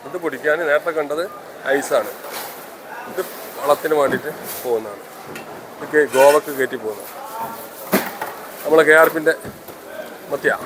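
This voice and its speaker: A man with a Kozhikode Malayalam accent giving casual, repetitive running commentary for a video and calling out to workers. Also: on the high side. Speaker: vlogger at a fishing harbour. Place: busy outdoor fishing harbour. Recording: noisy outdoor recording with vehicles. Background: harbour and vehicle noise.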